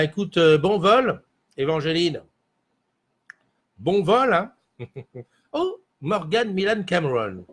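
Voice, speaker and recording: A man hosting a casual morning livestream from a small studio, rambling and answering viewer comments as he reads them. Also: on the high side. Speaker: livestream host.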